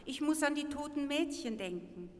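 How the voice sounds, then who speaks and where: Earnest little girl, woman reading her, soft, high voice, reverby with violin. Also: expressive, normal speed. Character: little girl, searching and sad. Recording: reverberant with violin music behind.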